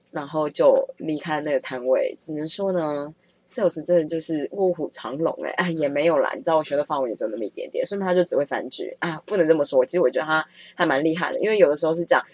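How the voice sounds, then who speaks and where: A woman with a cold tells a story in a vlog, her voice husky and a bit breathy. Her pitch swings widely as she talks, and she laughs easily between lines. The sound is dry and close, with almost no room around it. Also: no room sound. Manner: animated, laughs often while telling the story. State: has a cold. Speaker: vlogger.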